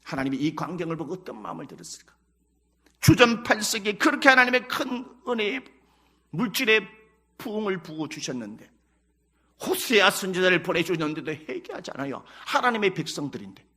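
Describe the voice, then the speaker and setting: A man's voice: high voice, very animated, a little fast, pushed and bright. A male pastor preaching a sermon in a Chungcheong Korean accent, emphatic, breaking into dramatic acted prayers and quotes.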